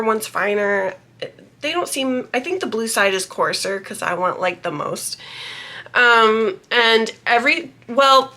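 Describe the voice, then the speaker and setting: A woman's voice: a little high, pushed and bright. A young woman vlogger chatting casually about beauty tips, her voice a little nasal from a cold, rambling with many ums. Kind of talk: casual chat to camera.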